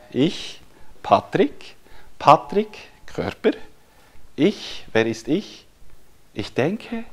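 A man's voice: mid-range voice, a little mellow. A man from Switzerland, giving a live spiritual talk on healing to an audience in a room. He speaks reflectively and asks many rhetorical questions. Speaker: spiritual healer giving a lecture.

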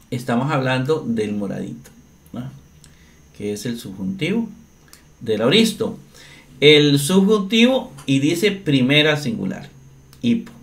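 A man teaching Greek grammar in a slow, step-by-step screen-share lesson, often checking in with his listeners. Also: medium pitch, creaky. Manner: slow, deliberate, often asks "¿verdad?".

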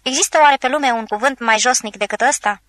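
A woman's voice: on the high side, fairly bright tone, no room sound, close to an everyday voice. A woman voicing a drunken, bombastic old male tragic actor who rants and hurls theatrical insults. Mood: raging.

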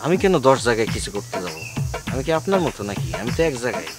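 A man's voice: mid-range voice, sing-song, very fast, over music, natural voice. An actor playing a gossipy, boastful village young man in a comedy TV drama.

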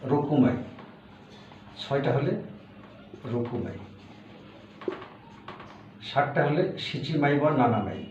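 A man's voice: medium pitch, darkish tone. A man teaching a language lesson, patiently repeating each word and explaining step by step. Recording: roomy, distant, dull lo-fi audio with faint hiss.

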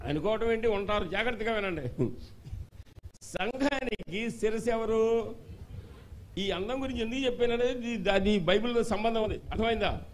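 A bishop preaching a sermon to a congregation, quizzing them and calling out for answers, rising to shouts at the peaks. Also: male voice, sits high, a little hiss or hum. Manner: animated call-and-response, questioning the congregation; shouts at climaxes.

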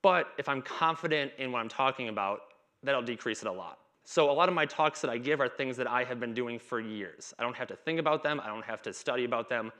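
A man in his thirties talks fast on a dark conference-hall stage, keeping his presentation casual and chatty. His mid-range voice is bright and forceful, and his flow is marked by stutters, repetitions and blocks.

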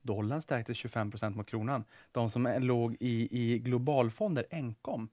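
A man's voice: medium pitch, mellow, no echo, clean studio sound. Jokey Swedish man co-hosting a stock show. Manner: jokey, repeats words when starting. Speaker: co-host of an investing show. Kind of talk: casual studio chat.

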